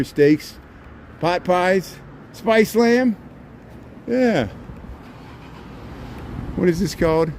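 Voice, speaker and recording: A man from near Cincinnati, in the US Midwest, now in his forties, wanders a city street at night giving viewers a rambling, chatty tour and hamming it up. His voice is on the high side with a darkish tone and a slight Cincinnati-Kentucky twang. Faint traffic and street sounds fill the background.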